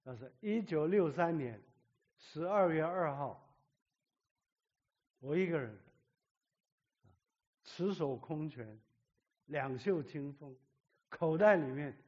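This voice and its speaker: Older man, pastor, testimony sermon, humorous storytelling, slightly high voice, dull lo-fi sound. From Korea, overseas Chinese community. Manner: lively storytelling with self-mocking humor. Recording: dull lo-fi recording.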